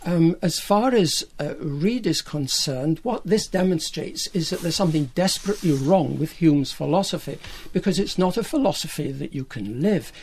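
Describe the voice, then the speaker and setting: A man with a Scottish accent, a panel guest speaking in a measured, hesitant way with frequent fillers. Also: on the high side, lively intonation, a little mellow, slightly rough. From Scotland. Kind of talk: academic panel discussion.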